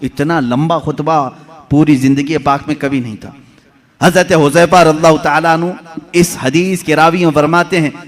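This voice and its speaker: A man preaching a sermon, telling stories and reciting devotional verse, swinging between loud emphatic declamation and low hushed passages, repeating phrases for rhythm. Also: steady tone, normal speed. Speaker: Islamic preacher.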